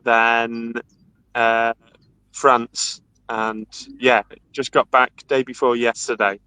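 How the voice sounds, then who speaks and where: Easygoing manchester guy in his 30s, smooth clear voice, chatty on a video call. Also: mid-range voice, slow, dry recording, poor audio. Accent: Mancunian. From England. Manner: relaxed, chatty, laughs often. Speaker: guest musician. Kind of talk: casual chat.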